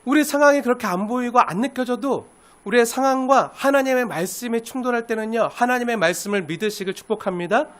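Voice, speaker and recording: A man preaching a Sunday sermon in a very high speaking voice. He is emphatic and drives his points home with rhetorical questions to the congregation. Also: quick pace, a bit bright. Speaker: pastor.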